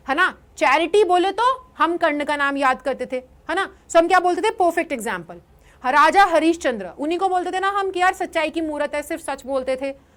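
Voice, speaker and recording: The teacher is a young Indian woman whose voice sits high, running an upbeat online English vocabulary session. Hindi is her language of explanation, and she reads the English examples slowly.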